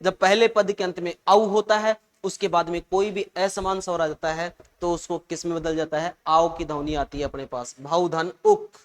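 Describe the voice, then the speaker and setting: A man's voice: high-pitched, fairly even intonation, moderate pace, few pauses. A man teaching an exam-prep lesson, chatty and often calling listeners "saahab" and "bhai".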